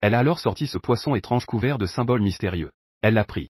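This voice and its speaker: A man reading a comic recap aloud as scripted first-person narration in an even storytelling manner. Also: on the low side, fast talker, breathy edge, no echo, studio quality.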